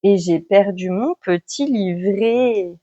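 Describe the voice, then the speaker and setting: Woman tarot reader, relaxed chatty delivery full of fillers, mid-pitched, dull lo-fi recording. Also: takes it slowly. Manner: chatty and relaxed, with many fillers and self-corrections. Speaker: tarot card reader giving weekly guidance. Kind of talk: casual spoken vlog.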